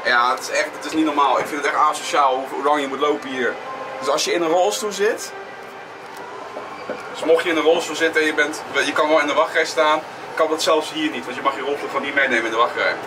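A man's voice: on the high side, fairly even intonation, quick pace, background noise. A man vlogging casually and giving informal, opinionated commentary while walking around outdoors.

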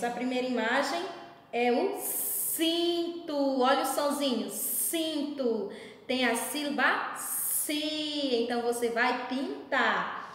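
A woman with a high voice guides young children through a reading exercise. She speaks slowly and patiently and draws out each syllable. Her voice rings around a very echoey room with a long reverb tail. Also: a little hiss or hum. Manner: slow, patient, sing-song teacher talk, stressing syllables. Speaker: primary school teacher. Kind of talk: video lesson for young children.

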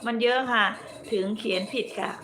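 A woman's voice: on the high side, fairly quick, a bit bright, slight background noise. A woman from southern Thailand with a mix of Southern and Bangkok Thai accents, chatting on a late-night livestream with fans in a blunt, coarse-tongued way. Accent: Southern Thai mixed with Bangkok Thai. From Nakhon Si Thammarat, southern Thailand. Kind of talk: casual late-night live chat. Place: indoors in a room.

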